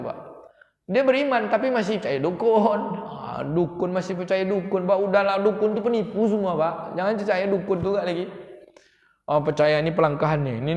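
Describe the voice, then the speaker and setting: A man, an ustaz giving a lively sermon and telling stories with emphatic exclamations. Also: a little high. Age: 30s. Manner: animated storytelling, rising to emphatic exclamations. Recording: echoey hall with long reverb.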